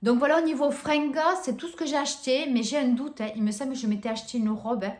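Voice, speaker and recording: A woman's voice: high voice, steady tone, fast, a little mellow. A woman chatting casually through a shopping haul, hesitant with many fillers and restarts, gushing over scents. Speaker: vlogger showing a shopping haul. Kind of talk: casual haul vlog chat. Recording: echoey room.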